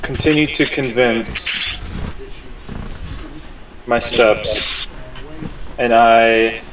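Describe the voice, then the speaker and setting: A man playing a tabletop game, describing his character's actions in first person, deliberately and haltingly. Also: mid-range voice, bright, forceful tone. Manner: deliberate, halting, searching for words. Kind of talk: improvised first-person role-play description. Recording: distant microphone.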